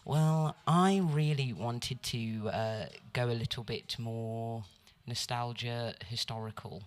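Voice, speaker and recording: A young woman co-hosting a casual radio talk show, animated and laughing, often trailing off and restarting her sentences. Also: rumbling low, slow pace. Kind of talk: casual chat. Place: radio studio.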